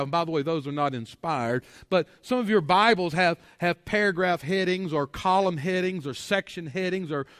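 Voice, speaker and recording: A man's voice: high voice, fairly bright tone, no echo, clean studio sound, long reverb tail. A man preaching a sermon to his congregation, folksy, full of rhetorical questions and repeated words. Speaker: pastor. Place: church sanctuary.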